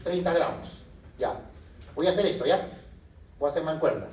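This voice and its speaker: A man gives a medical lecture, voice a little high and lively. He keeps asking the class questions and answering them himself. The sound is roomy and picked up from across the classroom. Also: normal speed, a little hiss or hum. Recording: echoey room from a distance.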